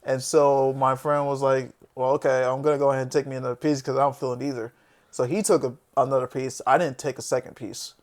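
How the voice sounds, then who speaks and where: A man's voice: mid-range voice, flat delivery, fast. A man casually telling a rambling story, laughing often and swearing freely. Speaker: podcast host.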